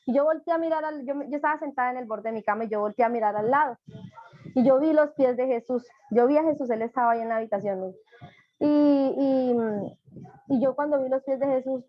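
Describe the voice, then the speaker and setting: High-voiced woman giving fervent testimony. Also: dry recording. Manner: fervent, emotional, repeats phrases for emphasis. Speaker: church tutor giving testimony. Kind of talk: personal testimony sermon. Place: living room at home. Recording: dull, dry home recording.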